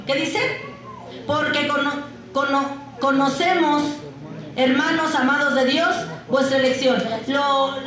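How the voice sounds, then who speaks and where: High-voiced woman preaching in an echoing church. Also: a bit bright. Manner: asks the congregation questions and answers them herself. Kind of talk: sermon. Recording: very echoey church hall.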